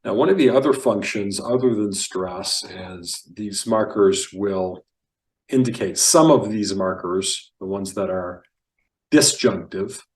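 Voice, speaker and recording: Low-voiced guy teaching hebrew, real slow and careful, mic kinda far off. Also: darkish tone, roomy sound. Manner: deliberate, enunciating each word.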